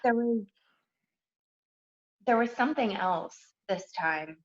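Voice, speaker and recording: A woman speaking as an interview guest, halting, with many fillers and sighs. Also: medium pitch, animated. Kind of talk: emotional interview conversation. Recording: dull lo-fi remote audio.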